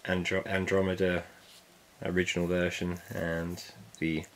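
A man with a low, deep voice and a gravelly, fry-heavy edge talks through an unboxing in a relaxed, offhand way. He cracks small jokes and drops the odd swear word as he goes. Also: a little slow, slight background noise. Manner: laid-back, jokey, swears casually. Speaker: vinyl collector vlogger. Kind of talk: casual unboxing chat.

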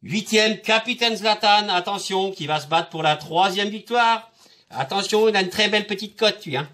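A man hosting his own online game channel, calling out participants' names in an excited, playful manner. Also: high-pitched, moderate pace. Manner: excited, sing-song roll call of names. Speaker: channel host. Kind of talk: casual video announcement.

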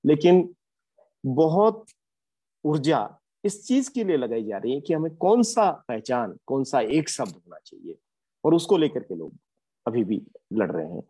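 A man giving an academic lecture, earnest and reflective, pausing often with hesitations. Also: medium pitch, sing-song, warm tone, breathy edge. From India. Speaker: guest lecturer.

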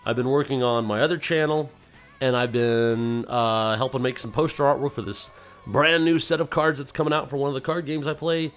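A man's voice: mid-range voice, fairly even intonation, brisk, a bit bright, faint music behind. A man hosting a casual game livestream, chatting loosely and playfully with viewers and slipping into silly voices. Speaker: livestream host.

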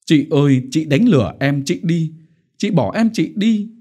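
A man's voice: mid-range voice, big pitch swings, normal speed, mellow. A man voicing an older male village gambler who banters and wails, read in an audiobook. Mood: wailing.

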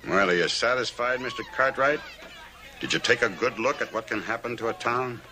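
A middle-aged American actor playing a weary, bitter western sheriff in an emphatic, defensive manner. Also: male voice, medium pitch, brisk, pushed and bright, a faint crowd, natural voice. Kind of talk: 1950s television western acting.

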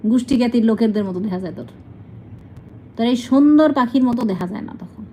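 A woman's voice: fairly high pitch, animated, fast, mellow, a little hiss or hum, poor audio. A woman, talking casually to her pet bird, scolding it and then coaxing it in a sing-song voice. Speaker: pet owner.

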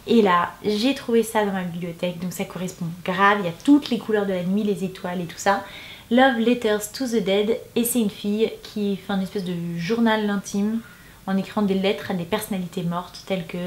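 A woman's voice: medium pitch, roomy sound, a little hiss or hum. A woman vlogger chatting casually about her reading list, jokey and self-mocking. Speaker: book vlogger. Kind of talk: casual chat to camera.

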